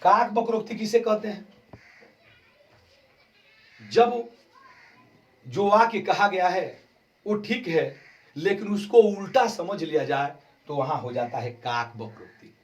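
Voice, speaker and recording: Slow, explanatory male Hindi teacher. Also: high voice, lively intonation, distant mic. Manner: slow, explanatory, stretches key terms. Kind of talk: exam-prep grammar lesson.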